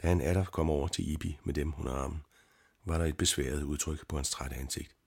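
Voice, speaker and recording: A man reads the story's narration in a steady, unhurried audiobook style. His voice sits extremely low and carries a husky edge.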